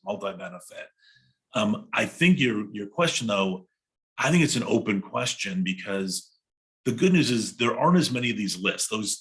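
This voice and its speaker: A man with a very deep, low voice. He gives his opinion on a panel in a conversational way, often leaning on "you know" as he goes. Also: fairly bright tone. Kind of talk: panel discussion on a video call.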